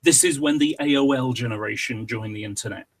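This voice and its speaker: A man's voice: medium pitch, fairly quick, slightly rough. A British man guesting on a podcast, chatting casually and rambling off on tangents. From Britain.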